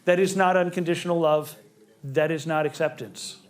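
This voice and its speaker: A man's voice: on the high side, steady tone, normal speed. A man presenting a family relationships seminar to a group, talking in a conversational way and acting out quoted lines. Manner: conversational, acts out quoted dialogue. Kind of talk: seminar talk to a live group.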